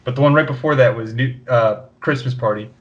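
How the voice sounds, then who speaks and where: A man's voice: medium pitch, brisk. Joking, rambling young man, lo-fi audio. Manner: joking, rambling, laughs often. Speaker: podcast co-host. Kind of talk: casual chat. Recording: dull lo-fi podcast audio.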